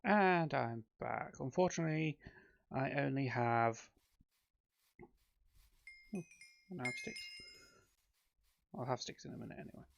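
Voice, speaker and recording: A man's voice: medium pitch, animated, measured pace, vocal fry, long pauses, highs cut off. A man giving casual, rambling commentary on his own gameplay, with frequent ums and self-corrections. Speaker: let's play host.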